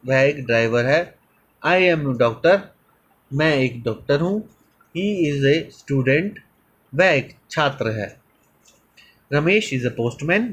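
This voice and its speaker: A man teaching English grammar in a slow lesson, calling viewers children and reading examples slowly. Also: medium pitch, a bit bright, husky, poor audio.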